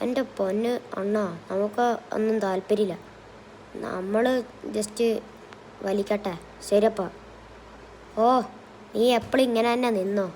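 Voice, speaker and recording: A woman's voice: mid-range voice, a little mellow, slight background noise, poor audio. A woman narrating and voicing a comic gangster game story. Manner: playful, switches between character voices. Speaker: gaming channel narrator voicing characters.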